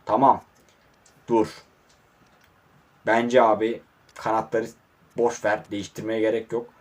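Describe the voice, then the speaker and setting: Excitable young man commentating his own match. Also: fairly low pitch, measured pace. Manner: talks to players on screen, swings from mutters to excited shouts. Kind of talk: excited live game commentary.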